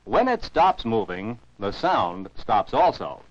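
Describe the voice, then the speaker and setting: Slow and low, with wildly swooping pitch, an American man narrates a children's science film from a script, didactic and precisely enunciated. There's no room sound on this dull, dry 1949 soundtrack.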